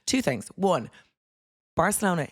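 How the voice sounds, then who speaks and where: A woman in her forties chats on a podcast, her voice sitting a little low and swooping all over the place as she jokes and swears. She talks through a headset from a room far from home. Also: measured pace, breathy edge. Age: 40s. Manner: animated, swearing, jokey. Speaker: podcast co-host. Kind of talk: casual chat. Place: hotel room, joining remotely.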